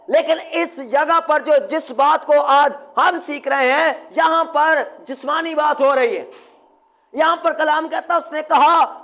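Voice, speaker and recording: A man preaching with a very high-pitched voice, the pastor leading his flock through a sermon. He fires questions at the congregation and has them call the answers back, sometimes rising to a shout. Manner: call-and-response, quizzing the congregation; bursts into shouting.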